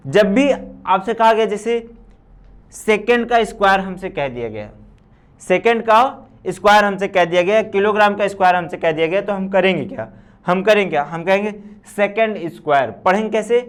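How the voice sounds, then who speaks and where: In a recorded class lecture, a man teaches physics in a fairly quick, high-sitting voice. He poses questions and answers them himself, repeats points for the students, and addresses them as children.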